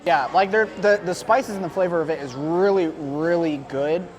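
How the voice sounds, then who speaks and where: A man casually reviewing food like a vlogger, giving measured, slightly halting judgments in an informal way. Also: on the high side, faint music behind. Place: outdoors at a theme park. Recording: outdoor vlog amid crowd noise. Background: crowd noise.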